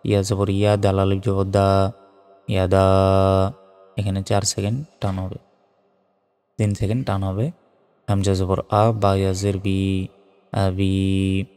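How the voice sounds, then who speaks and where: A man teaching Quran reading with a Bangladeshi Bengali accent, spelling out each letter slowly and then chanting the verse. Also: low-pitched, monotone. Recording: studio voice with long reverb and soft music.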